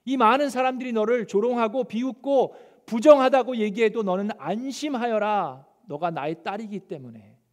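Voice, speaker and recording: A man voicing a compassionate divine teacher who speaks slowly and reassuringly. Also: high-pitched, big-room sound, pitched above the performer's own voice, natural voice. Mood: tender. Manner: tender, slow and reassuring.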